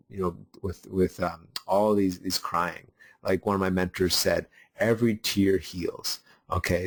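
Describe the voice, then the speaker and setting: Middle-aged male webinar host, lowish voice, unscripted and rambling, keeps restarting his sentences. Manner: halting, many fillers and restarts. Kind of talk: unscripted teaching talk.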